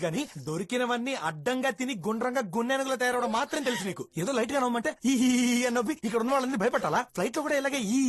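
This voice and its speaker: A man's voice: very high voice, no echo. An actor playing a rude, arrogant young man who mocks his date and mixes English into his talk. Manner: mocking, rude, teasing, mixing English into the talk. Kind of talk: film dialogue.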